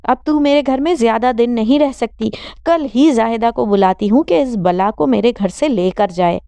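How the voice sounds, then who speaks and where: A woman voicing a fierce, doting mother who wails and scolds in a sharp-tongued way. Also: on the high side, creaky, clear, resonant tone, dry recording. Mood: scolding. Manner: wailing, cursing, sharp-tongued.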